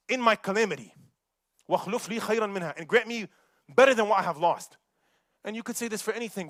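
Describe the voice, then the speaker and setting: A man giving a Friday sermon, animated and quick, mixing Arabic recitation with casual street talk. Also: high-pitched, dry recording, studio quality. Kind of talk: khutbah sermon. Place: mosque.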